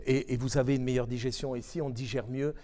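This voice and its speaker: Male chef panelist, southern French accent, lively storyteller, long hall reverb. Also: medium pitch, quick pace. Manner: storytelling, animated, humorous. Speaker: chef speaker at a health talk. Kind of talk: lively anecdotal panel talk.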